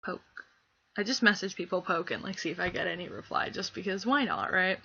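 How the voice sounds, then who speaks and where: Young woman streamer, scratchy throat from a cold, giggly and rambling, lowish pitch, muffled lo-fi sound. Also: fast talker, vocal fry, sharp tone. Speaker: live streamer. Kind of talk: casual live-stream chat. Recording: dull lo-fi stream audio.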